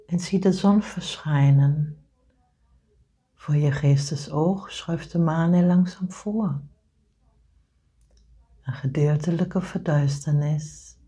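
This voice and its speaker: Slow, dark-toned woman guiding meditation. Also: deep voice, breathy edge. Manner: slow soothing delivery, often whispered. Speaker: meditation guide. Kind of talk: guided meditation.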